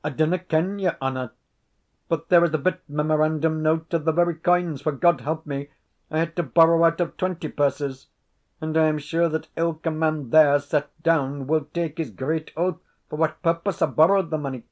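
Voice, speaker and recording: Guy reading as a scared honest old scots tenant, higher voice, begging then yelling. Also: steady tone, moderate pace, lightly acted. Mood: pleading. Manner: pleading, rising to frantic outbursts. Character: desperate honest old male tenant piper.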